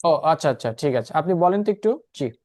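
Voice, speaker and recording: A man's voice: a little high, expressive, brisk, a little mellow. A man teaching an online class over a video call, patiently repeating and spelling things out for his students. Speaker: spoken English instructor.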